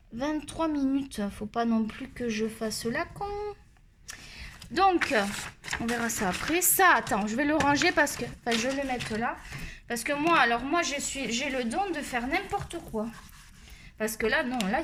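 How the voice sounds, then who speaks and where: A woman's voice: high voice, noisy background. A woman chatting at home as she shows off her art supplies, rambling and talking straight to her viewers. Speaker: art vlogger. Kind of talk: chatty product show-and-tell.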